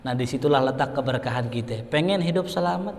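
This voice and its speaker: A man from Indonesia, giving a storytelling sermon as a preacher that rises into loud, excited passages. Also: medium pitch, fast talker, a little hiss or hum. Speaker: Islamic preacher. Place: mosque hall. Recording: reverberant hall.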